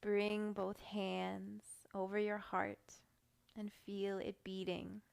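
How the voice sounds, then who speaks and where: Woman, meditation guide, soft and soothing, flat even tone, slightly gravelly. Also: mid-range voice. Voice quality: soft, slow and soothing, with long pauses. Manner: calm, gentle instructions.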